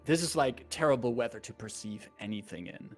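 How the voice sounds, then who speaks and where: Man narrating a tabletop game, mid-pitched. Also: animated, brisk, faint music behind. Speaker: game master.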